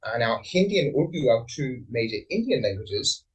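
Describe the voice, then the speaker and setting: A man's voice: mid-range voice, sing-song, moderate pace, husky, far from the mic, rough recording. An Australian man speaking on a conference panel, thoughtful, with many fillers and restarts.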